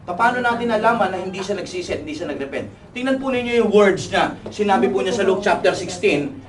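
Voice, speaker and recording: High-voiced pastor in an echoey hall. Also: male voice, expressive, quick pace. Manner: preaching in mixed Tagalog and English, calling for replies. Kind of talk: sermon. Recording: echoey hall, distant mic, audible congregation.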